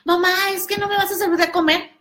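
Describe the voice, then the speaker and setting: A whiny, stubborn little daughter, put on by a woman, complains in a much higher voice than the speaker's own. She sounds petulant and demanding. The voice keeps its sulky edge throughout. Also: steady tone, fast talker, fairly bright tone. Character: whiny stubborn young daughter glued to computer.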